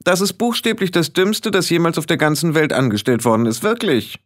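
A scornful young witch girl, as a male narrator puts her on, mocks in an exaggerated, high voice. Her pitch jumps well above his own and swings widely. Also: lively intonation, a little fast, lightly acted.

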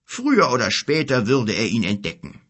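A man voicing an old, bent and sorrowful king who speaks gravely and with bitterness in a storybook reading. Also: mid-range voice, huge pitch swings, a bit bright, heavily acted. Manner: grave, bitter, measured speech.

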